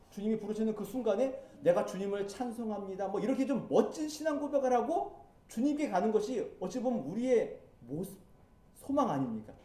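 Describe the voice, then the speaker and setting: A man's voice: very high voice, warm tone, reverberant, recorded from a distance. A man pastor preaching a sermon in a conversational way, asking his listeners rhetorical questions. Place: church sanctuary.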